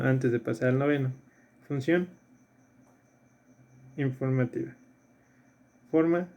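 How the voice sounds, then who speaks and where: Un hombre, profesor de filosofía, da una clase a distancia y repasa ejercicios paso a paso. Repite los términos clave y pregunta "¿sí?" a menudo. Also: male voice, medium pitch, highs cut off. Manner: explains step by step, repeats key terms, checks in with "¿sí?". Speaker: philosophy teacher. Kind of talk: recorded remote lesson reviewing exercises.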